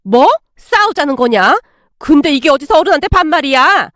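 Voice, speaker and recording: A woman brings to life an enraged older mother-in-law in her sixties, barking scoldings in a high voice. Her pitch leaps up and down as she rants. The sound is dry and close, as in a storybook reading. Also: very animated, moderate pace, no echo. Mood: furious scolding. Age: 60s. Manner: scolding, shouting in anger. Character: hot-tempered sixties mother-in-law, shouting. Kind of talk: storytelling with acted dialogue.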